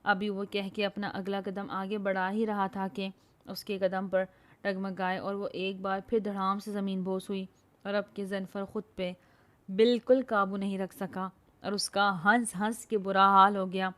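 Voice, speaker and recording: A woman storyteller giving a scripted narration of a novel in an even, measured way. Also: mid-range voice.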